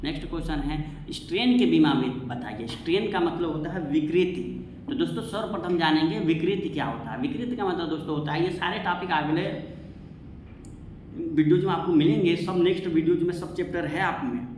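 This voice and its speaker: His voice is a little high, brisk and slightly mellow as he leads exam-prep science teaching. Repetition and self-answered questions mark his manner, and the echoey room carries a faint background hum.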